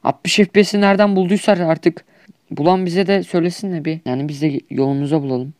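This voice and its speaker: A man's voice: on the high side, steady tone, brisk, a little mellow, dry recording, studio quality. A young man with a Turkish accent, trash-talking over mobile shooter gameplay in a whiny, exasperated comedic skit. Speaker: gaming YouTuber.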